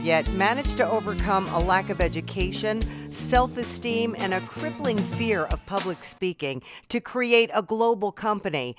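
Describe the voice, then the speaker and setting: A woman's voice: lowish voice, a bit bright, no echo. A woman hosting a book club interview show, friendly and sympathetic as she introduces and questions her guest. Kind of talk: radio-style interview hosting.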